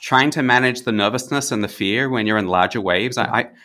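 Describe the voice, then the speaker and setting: A man's voice: medium pitch, fairly quick, bright, forceful tone. A man in his forties with an Australian accent, talking as a podcast guest in a friendly conversational way, with frequent fillers and restarts. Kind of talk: conversational interview.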